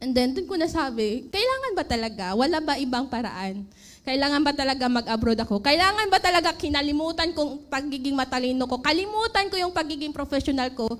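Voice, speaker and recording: Animated high-voiced Filipino woman storyteller. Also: fairly quick. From Philippines. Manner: lively storytelling, asks audience questions. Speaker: former overseas worker. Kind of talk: emotional personal testimony.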